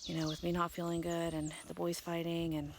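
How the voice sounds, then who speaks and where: On a long-distance hike, a woman vlogs to the camera on a mountain trail, sounding tired and stressed, often sighing and half-whispering. Her low, monotone voice is brisk with vocal fry, and background noise can be heard.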